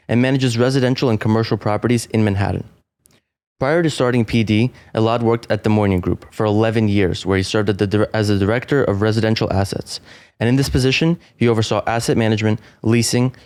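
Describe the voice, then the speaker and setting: A man hosting a podcast interview, reading a guest introduction and asking questions, answering with quick short affirmations. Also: on the low side, a little mellow. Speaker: podcast host.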